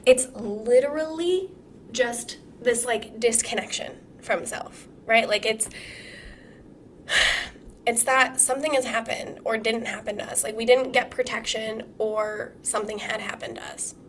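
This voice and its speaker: Hoarse woman coaching on a live masterclass. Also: a little high, unhurried, a little hiss or hum. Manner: casual, swearing, animated rhetorical questions. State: hoarse from being sick. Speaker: trauma healing coach.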